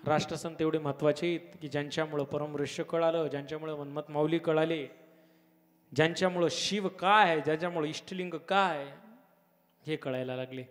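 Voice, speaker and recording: A man preaching a devotional kirtan sermon at a village gathering, fervent, swelling to loud exclamations. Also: a little high, fairly even intonation, brisk, a little hiss or hum. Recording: long hall reverb with harmonium and tabla.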